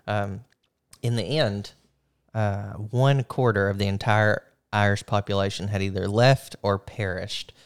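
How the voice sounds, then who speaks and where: A man's voice: lowish voice, fairly even intonation, measured pace, clear, resonant tone. A man co-hosting a podcast in casual chat, joking and playful. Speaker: podcast co-host.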